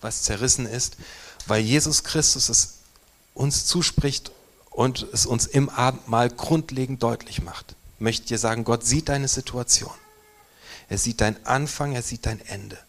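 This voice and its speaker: A man preaching a sermon in a church, moving between strong emphatic stresses and quiet, near-whispered lines. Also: medium pitch, measured pace. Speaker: pastor.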